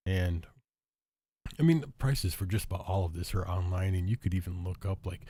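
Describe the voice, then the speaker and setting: A show host with a deep, mellow voice talks casually on his own to his viewers, sounding husky, worn out, hoarse and a little stuffy after being ill. He rambles and thinks aloud, circling back, restarting, and filling pauses with plenty of "uh" and "um." The recording is dry and close, with no echo.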